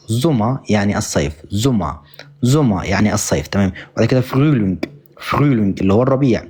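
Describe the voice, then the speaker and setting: A young man with an Egyptian accent runs a live German lesson, drilling each word several times in a row. His voice sits low and a little husky. He talks quickly and keeps breaking off to thank viewers. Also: darkish tone. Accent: Egyptian Arabic. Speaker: German teacher. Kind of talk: live-stream language lesson.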